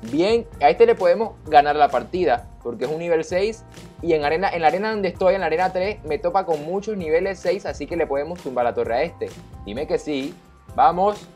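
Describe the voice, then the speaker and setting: Excitable man yelling over his gameplay. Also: fairly high pitch. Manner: excitable, repeats phrases, yelps and cheers at the game. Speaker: gaming YouTuber. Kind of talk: live gameplay commentary.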